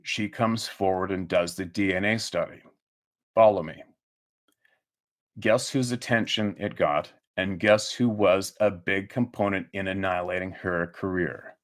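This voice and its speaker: A man's voice: low voice, fairly even intonation, measured pace. A man giving a heated, profane monologue to his audience, growing angrier as he goes and often restarting his sentences. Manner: angry, profane, emphatic ranting; repeats himself and restarts mid-sentence.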